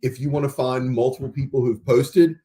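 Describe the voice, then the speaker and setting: A man hosting a podcast in casual conversation, explaining resources and spelling out words slowly. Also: mid-range voice, steady tone, warm tone. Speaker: podcast host.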